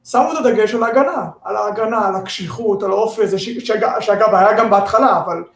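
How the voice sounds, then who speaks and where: A man appearing as a guest sports journalist on a casual podcast, halting and restarting words as he gives his opinions. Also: high voice, a bit bright. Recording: echoey roomy sound.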